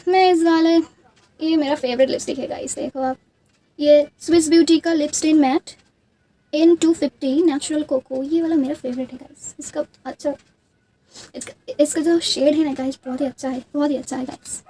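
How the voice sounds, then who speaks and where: Young woman, Bengali accent, native Bengali speaker; high, mellow voice; casual rambling beauty-vlog storytelling with restarts. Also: steady tone, moderate pace, slight background noise. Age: young adult. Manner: chatty, rambling, many restarts and fillers. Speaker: beauty vlogger.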